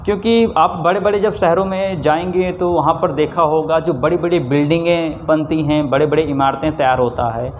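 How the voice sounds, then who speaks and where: A man's voice: fairly high pitch, steady tone, moderate pace, hardly any pauses, slight background noise. A man teaching maths with a north Indian Hindi accent. He keeps asking rhetorical questions, answers them himself and checks in with frequent "theek hai". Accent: Hindi-speaking north Indian. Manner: often adds a checking 'theek hai'. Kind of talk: classroom lesson.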